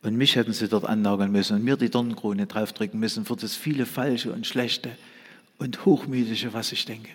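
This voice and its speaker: Man, preacher, sermon, husky voice, loud stresses and hushed whispers, long hall reverb. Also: lowish voice, steady tone, brisk.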